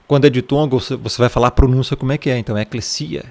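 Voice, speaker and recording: A Brazilian-accented man talks through a Bible passage in a relaxed, conversational lesson. His voice sits at an ordinary middle pitch. He keeps checking in with the listener and pointing at words in the text as he explains them. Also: rapid-fire. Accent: Brazilian Portuguese. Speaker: Bible teacher. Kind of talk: casual Bible study lesson.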